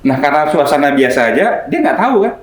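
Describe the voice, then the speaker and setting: Animated male storyteller in an echoey room. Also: on the high side, quick pace, a little hiss or hum. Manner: lively storyteller acting out quoted dialogue. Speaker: guest spiritual healer. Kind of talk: casual storytelling chat. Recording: echoey room with faint music.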